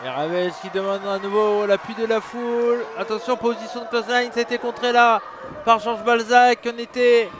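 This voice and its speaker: A man giving excitable live play-by-play as a wrestling commentator, exclaiming at the action. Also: very high voice, moderate pace. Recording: noisy live event with crowd. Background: crowd at a wrestling show.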